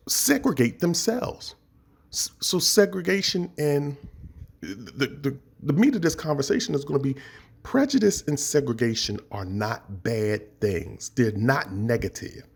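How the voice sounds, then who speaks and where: Gravelly dc guy rambling thru a story, slangy and easygoing, regular pitch. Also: a little mellow. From Washington, D.C. area. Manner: laid-back, rambling, slangy. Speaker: podcast host. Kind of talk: casual storytelling monologue.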